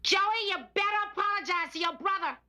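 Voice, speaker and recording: An actress playing an exasperated mother of two boys in a sitcom, loud and scolding. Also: very high-pitched, fast talker, exaggerated voice. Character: frazzled, loud, bossy young housekeeper-mother. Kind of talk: sitcom acting.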